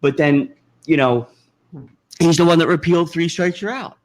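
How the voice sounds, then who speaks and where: A man's voice: fairly high pitch, moderate pace. Rambling, profane male podcast host. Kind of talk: casual chat.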